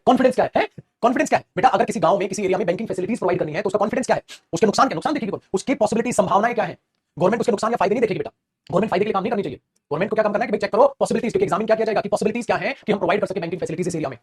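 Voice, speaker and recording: Fast-talking husky man teaching English. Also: high-pitched. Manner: rapid Hindi-English mix, addresses students as beta. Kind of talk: online coaching lesson.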